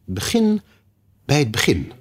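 A man voicing a pompous, easily flustered king judging a trial in a storybook reading, with a husky voice. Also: mid-range voice, huge pitch swings, measured pace, pitched above the performer's own voice, exaggerated voice. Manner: pompous, hasty. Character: pompous, flustered old king presiding over a court.

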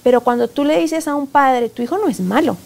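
A woman, speaking as a guest expert in a conversational interview, animated and often acting out parents and children. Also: high voice, a little fast, gravelly, slight background noise. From Guatemala. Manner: animated, acts out parents and children in quoted voices. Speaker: positive discipline expert guest.

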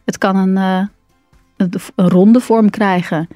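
A woman talks slowly through her thoughts on grief, often pausing and searching for words. Her voice is close and dry, with no room around it. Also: medium pitch, fairly even intonation, mellow, no echo, faint music behind. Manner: hesitant, many fillers, thoughtful. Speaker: grief guest. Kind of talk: reflective conversation.

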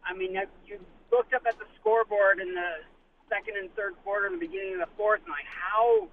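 A man phoning a sports radio show from his car, chatting casually as a fan in a halting way. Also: high-pitched, big pitch swings, gravelly. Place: inside a car while driving. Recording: phone line with road noise.

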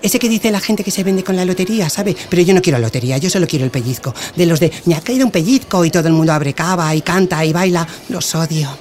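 A man's voice: sits high, fast, few pauses, a little mellow, close to an everyday voice. A man playing a whiny stubborn customer. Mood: grumpy. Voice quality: whiny, complaining. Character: grumpy stubborn male customer. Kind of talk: radio sketch comedy.

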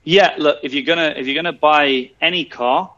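A man's voice: a little high, fairly quick, pushed and bright, muffled recording. Male radio car-pricing regular; casual, jokey, restarts often. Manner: chatty, hesitant restarts, jokey. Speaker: car expert on a radio show.

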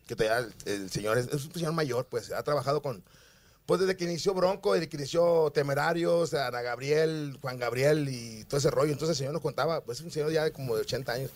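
A man with a Mexican accent, a band member guest on a radio show, telling a story in a lively way and acting out the voices of the people in it. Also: a little high, fairly quick. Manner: animated storyteller who acts out quoted voices.

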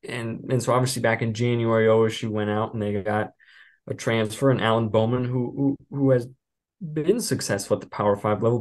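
A man hosting a sports podcast as beat reporter, talking in a relaxed, rambling way with many fillers and restarts. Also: fairly low pitch. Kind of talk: casual sports podcast chat.

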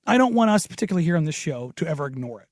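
A man with an American accent and a raspy, hoarse smoker's voice, chatting casually and bluntly as a sports radio host. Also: fairly high pitch, very animated, very fast, no room sound, clean studio sound. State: hoarse from long covid. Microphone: close studio radio microphone.

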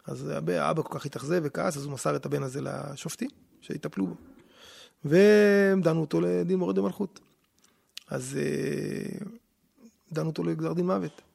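A man, a rabbi, teaching in conversation and telling stories with lively quoted voices. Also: a little high, creaky, breathy edge. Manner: animated storytelling, acting out quoted voices. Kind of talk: teaching on scripture in a podcast conversation.

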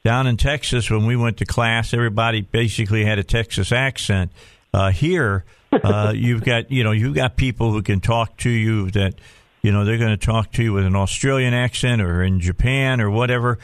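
A man's voice: fairly low pitch, moderate pace, dry recording. A man hosting a talk radio show in an informal, folksy way, often repeating phrases for emphasis.

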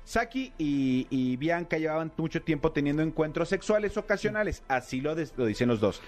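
Hombre mexicano narrador animado, voz aguda. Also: male voice, a little high, moderate pace, soft background music. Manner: animated storyteller, playful mock accents. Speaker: radio host. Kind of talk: casual chat.

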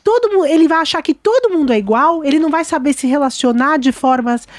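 A woman hosts a podcast and chats in a conversational way. Her voice is fairly high, and the sound is dry and close. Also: animated, fast, no room sound. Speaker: podcast host.

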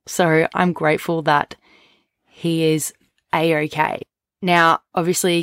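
A woman's voice: low voice, clean tone, dry recording. A young woman chatting informally as a solo podcast host, recorded on a cheap-sounding microphone. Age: young adult. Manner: informal, chatty, frequent "like" and "literally". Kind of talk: casual solo podcast chat. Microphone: low-quality microphone. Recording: cheap USB mic sound, close and dry.

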